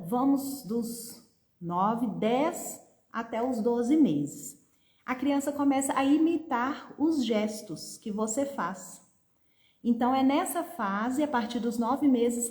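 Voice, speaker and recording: A woman's voice: on the high side, darkish tone. A Brazilian woman, a pediatric occupational therapist, explaining in a live stream, often checking in with her audience. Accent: Brazilian Portuguese. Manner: didactic, frequent "né?" and "tá bom?" check-ins. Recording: echoey room.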